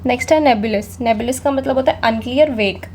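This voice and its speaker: A woman's voice: on the high side, brisk, darkish tone, slight background noise. A young woman gives a casual vocabulary lesson, chatty and often saying "theek hai". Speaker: exam vocabulary teacher.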